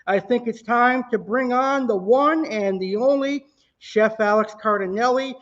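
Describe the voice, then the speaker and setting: A man's voice: extremely high pitch, unhurried, a bit bright. A man hosting a livestream in an upbeat, gushing, enthusiastic way. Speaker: live show host. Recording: slightly dull, lo-fi livestream audio.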